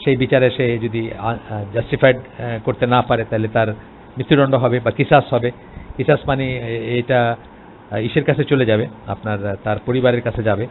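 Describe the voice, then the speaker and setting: A man's voice: medium pitch, steady tone, moderate pace, long pauses. A man with a Bangladeshi Bengali accent giving an explanatory religious lecture, hesitant, with many filler sounds and English words mixed in. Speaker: Islamic lecturer. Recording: tinny phone-like line, faint noise.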